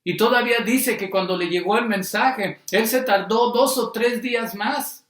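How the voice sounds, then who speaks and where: High-voiced preacher man in echoey room. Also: a bit bright. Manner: repetitive, emphatic, slows on key phrases. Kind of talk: sermon.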